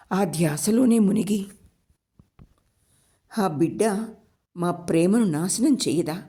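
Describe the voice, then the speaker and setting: A woman storyteller reading a literary novel aloud in the first person, with slow, emotive delivery. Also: fairly low pitch, dark tone, slightly rough.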